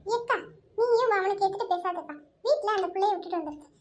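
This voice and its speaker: A woman doing a fussing middle-aged aunt who talks at length and scolds her little son. Her voice is very high and her speech quick. It is a homemade family drama. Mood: chatty. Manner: chatty, fussing. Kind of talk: home family drama, one narrator voicing all roles.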